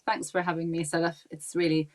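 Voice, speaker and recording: A woman in her forties who grew up in Pakistan is a guest on a podcast, in casual interview chat. Her fairly low, fairly quick voice has little pitch movement, and she's chatty and warm, talks readily, laughs often between thoughts, and uses many ums.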